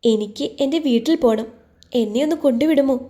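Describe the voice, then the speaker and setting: Woman reading a gentle hurt young wife in a storybook, high mellow voice. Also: fairly quick, close to an everyday voice. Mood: pleading. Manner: pleading, tearful.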